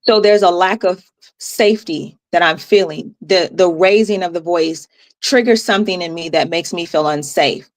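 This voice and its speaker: A woman health coach as a podcast guest, explaining in a calm, measured way with pauses. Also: lowish voice. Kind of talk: podcast interview.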